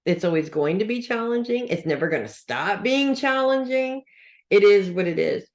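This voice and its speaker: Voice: mid-range voice, animated, moderate pace. An astrologer reading weekly horoscopes in a casual, chatty way, checking in with listeners and dropping dry sarcastic asides.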